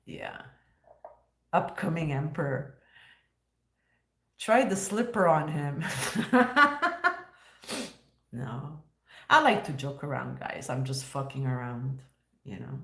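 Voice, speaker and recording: A woman's voice: rumbling low, takes it slowly, gravelly, pauses often, roomy sound. A woman in her fifties hosting a casual livestream, joking and sarcastic, laughing often. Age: 50s. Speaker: livestream host.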